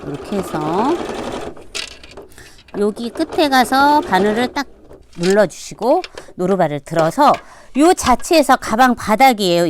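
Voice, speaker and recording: A middle-aged woman teaching a sewing class, talking casually as she demonstrates each step and dropping to a quiet murmur while she stitches. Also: mid-range voice, a little hiss or hum. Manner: demonstrative, repeats "like this" while working. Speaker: sewing instructor. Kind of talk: casual hands-on sewing tutorial. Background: sewing machine running.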